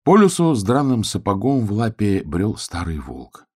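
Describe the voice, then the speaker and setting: A man narrating a children's storybook with expressive storytelling. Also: fairly low pitch, moderate pace, husky.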